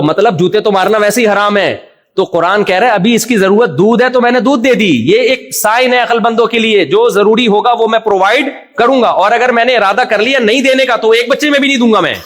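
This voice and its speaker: Brief: male preacher, a bit high-pitched, jovial and teasing, throws in mock voices during a religious lecture. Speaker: Islamic preacher. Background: audience laughter.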